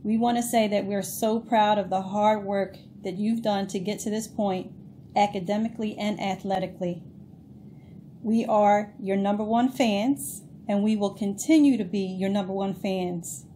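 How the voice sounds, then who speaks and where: A woman speaking for her family in a proud, steady message of support. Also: medium pitch, normal speed, a little hiss or hum. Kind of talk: heartfelt recorded video message.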